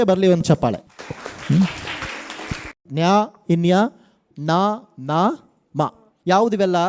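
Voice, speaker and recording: A man hosting a college quiz show on the radio, energetically urging contestants and reading questions slowly and with emphasis. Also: high-pitched, dark tone, no room sound. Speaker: quizmaster.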